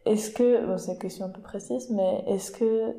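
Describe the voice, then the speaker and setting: Woman, host, curious, precise questions, medium pitch, roomy echo. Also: steady tone, moderate pace, crowd noise. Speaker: podcast host. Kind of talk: interviewing. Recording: echoey room.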